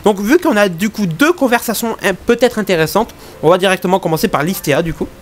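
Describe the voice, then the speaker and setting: A man's voice: high voice, animated, fast talker, a little hiss or hum. Hesitant young man commenting on a game. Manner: hesitant, full of fillers and restarts, laughs easily. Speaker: gaming channel host. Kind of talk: let's play commentary.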